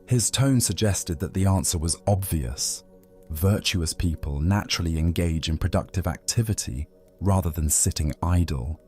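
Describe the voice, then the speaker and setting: A man calmly narrating Buddhist teachings and stories as a soothing, scripted sleep narration. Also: low-pitched, soft background music. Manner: calm, measured, soothing.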